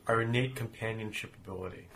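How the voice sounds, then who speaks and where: A man's voice: fairly low pitch, fast, a bit bright, a little hiss or hum. A man playing an elf character in a tabletop game, with a dry, mock-formal delivery. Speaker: player. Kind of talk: tabletop role-play chat.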